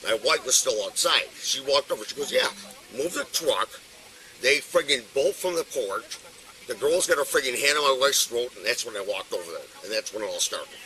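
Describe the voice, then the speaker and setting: A man's voice: mid-range voice, lively intonation, fairly quick, sharp tone, slight background noise, rough recording. A drunk middle-aged man rambling and swearing as he tells his side, picked up outdoors by a police body camera. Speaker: resident in a neighbor dispute. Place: outdoors on a residential street. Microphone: officer's body camera.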